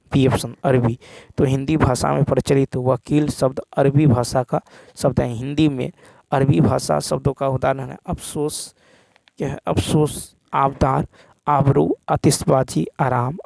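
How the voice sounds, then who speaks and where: A man teaching an exam practice lesson, reading out questions and answers and repeating each key point slowly. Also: mid-range voice, gravelly, a little mellow, no echo.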